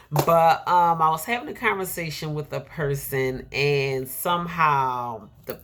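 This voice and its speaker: A middle-aged woman preacher delivers an earnest inspirational sermon in a low-pitched, slightly bright voice that sounds nasal and congested. She repeats herself, uses filler words, and laughs now and then. There's a little hiss or hum in the recording.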